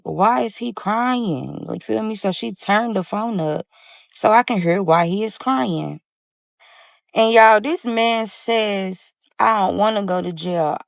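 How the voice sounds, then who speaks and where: A woman recounting her life story straight to her listeners in a casual, chatty way, often addressing them as "y'all". Her voice is mid-pitched and sits close and dry, with no room sound around it. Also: dry recording. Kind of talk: first-person storytelling to listeners.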